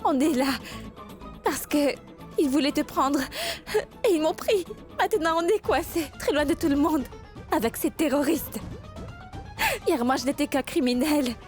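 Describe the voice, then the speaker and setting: A woman's voice: high voice, a little slow, pauses often, darkish tone, faint music behind. An actress dubbing a frustrated young female doctor in a French series, scolding and exasperated. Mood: accusing. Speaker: dubbed character.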